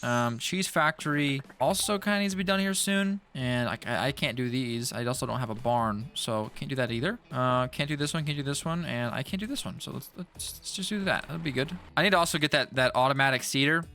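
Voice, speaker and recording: A man's voice: medium pitch, brisk, hardly any pauses, sharp tone, a little hiss or hum. A young man giving casual gameplay commentary, rambling and stuttering, jittery from an energy drink. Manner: rambling, stuttery, self-talk with repeated words. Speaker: gaming YouTuber.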